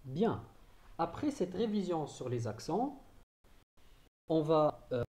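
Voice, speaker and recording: A man teaching a recorded spelling lesson, dictating slowly and repeating words to stress them. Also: on the high side, sing-song, warm tone. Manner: slow dictation, stresses and repeats each word.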